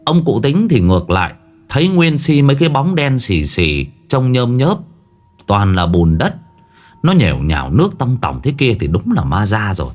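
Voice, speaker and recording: Brief: male storyteller, lively, swooping delivery, faint music bed. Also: medium pitch, normal speed. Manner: animated, dramatic. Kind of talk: ghost story narration.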